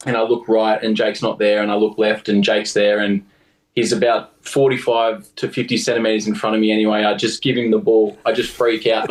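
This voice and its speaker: A man's voice: fairly low pitch, rough recording. A young Australian man, a rugby player guest, telling long stories in a loose, rambling way with plenty of fillers. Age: young adult. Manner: rambling, lots of fillers and laughs. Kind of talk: casual storytelling.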